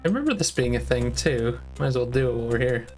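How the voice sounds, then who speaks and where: Fast-talking casual male streamer. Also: mid-range voice, expressive, a little mellow. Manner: offhand, chuckling. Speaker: let's play streamer. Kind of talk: casual gameplay commentary. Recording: faint game music behind.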